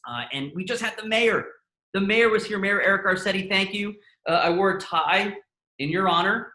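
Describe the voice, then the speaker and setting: Bright-voiced, joking male host. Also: high voice, normal speed, reverberant, low-quality recording. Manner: self-deprecating, joking, excitable. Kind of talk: live comedic hosting.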